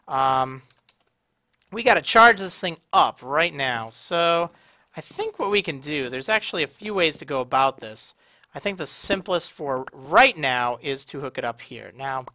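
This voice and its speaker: A man's voice: mid-range voice, sharp tone, no room sound. A man with a slightly strained, tired voice giving casual, explanatory video game tutorial commentary. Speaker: gaming video host.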